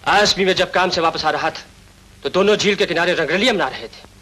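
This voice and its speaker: A man's voice: high-pitched, a little fast, pushed and bright. An actor playing a jealous, angry young man who speaks harshly and threatens his rival, in a 1960s film with music behind.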